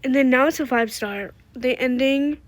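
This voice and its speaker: A woman's voice: sits high, normal speed. A young woman chatting casually and emphatically to her vlog audience in youthful slang, her speech slightly muffled by a retainer in her mouth. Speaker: vlogger. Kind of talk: casual chat to camera. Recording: noisy amateur vlog audio.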